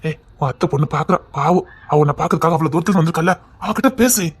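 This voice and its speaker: A performer voicing a calm, gentle grown man with a Tirunelveli Tamil accent, speaking soothingly to his wife. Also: medium pitch, fast, slightly rough, voice pushed down, natural voice. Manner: soothing, coaxing.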